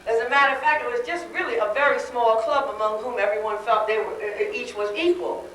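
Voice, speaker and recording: A woman's voice: fairly high pitch, a little fast, fairly bright tone. A woman giving a wry, conversational dinner speech, heard on a worn VHS tape copy. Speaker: dinner speaker. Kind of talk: public speech. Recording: hissy worn tape, echoey hall from far off.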